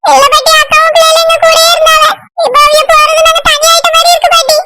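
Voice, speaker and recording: A woman voicing a tearful young brother in a cartoon, with a Kanyakumari Tamil accent and a weepy, pleading, loud manner. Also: extremely high pitch, little pitch movement, fast, very noisy.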